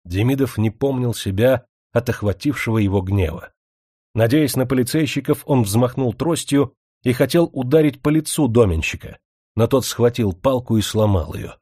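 A man narrating a novel as an audiobook in a measured, serious reading. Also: mid-range voice, dark tone, breathy edge, no echo, clean studio sound.

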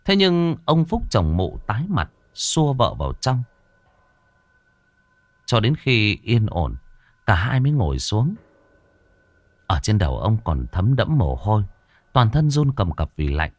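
A man narrating a horror story in a dramatic, expressive way. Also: lowish voice, a little slow, long pauses, no room sound.

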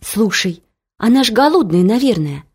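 A woman's voice: medium pitch, very animated, moderate pace, a little mellow, slightly rough, voice pushed up. A woman reading the lines of a bold, practical young female friend in an audiobook story. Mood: brisk.

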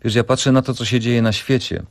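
A man's voice: medium pitch, fairly even intonation, brisk, no room sound, studio quality. A man chatting casually on a radio show, explaining music hesitantly with many fillers and restarts. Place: radio studio.

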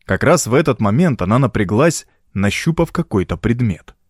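A man narrating an audiobook in an expressive, dramatic reading. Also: medium pitch, no echo, clean studio sound. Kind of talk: scripted narration.

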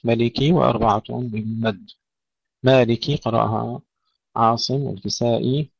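A man giving a Quran recitation lesson, explaining each rule in a steady, even tone and then reciting the verse slowly with long drawn-out vowels. The recording is dry with no room sound and slightly muffled. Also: mid-range voice, gravelly, dry recording. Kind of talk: tajweed lesson with slow recited examples.

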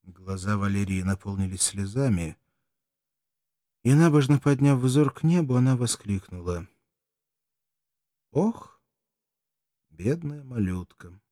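A man narrating a story aloud in a slow, solemn reading. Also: on the low side, animated, mellow, dry recording, clean studio sound. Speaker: audiobook narrator. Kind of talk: scripted narration.

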